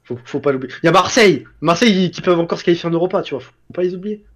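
A man with a slightly high voice trading football banter with friends. He swears freely and taunts rival fans in a mocking, crude way. His talk is loose and offhand. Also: very fast, fairly bright tone. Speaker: co-host of a football show.

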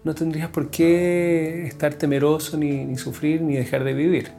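A man's voice: fairly high pitch, little pitch movement, normal speed, gravelly, warm tone, faint music behind. A man hosting an interview, who asks curious follow-up questions and affirms what his guest says. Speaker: interview host. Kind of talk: conversational interviewing.

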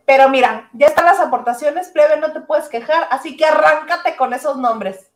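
A woman's voice: sits high, normal speed. A Mexican woman co-hosting a casual gossip show, chatting and reading out viewer messages. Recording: roomy echo on the voice.

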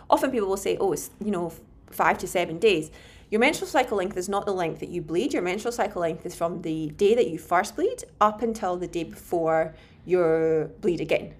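A woman hosting a podcast in a casual, explanatory way, frank and self-deprecating, recorded in a slightly echoey room. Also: fairly low pitch. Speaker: podcast host and nutritionist. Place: indoor room, home recording.

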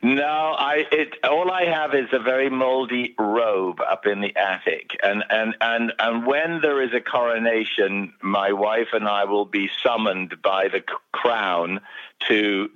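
An Englishman from England, calling in over the phone as a radio guest, telling stories in a chatty way with restarts. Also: on the low side. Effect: heard over the phone. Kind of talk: radio interview. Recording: dull phone-line sound.

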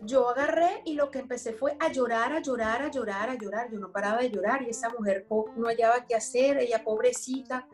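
A woman, a podcast guest, telling stories in an animated way and repeating words for emphasis. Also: a little high, fairly quick, hardly any pauses, soft background music. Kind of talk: casual storytelling chat.

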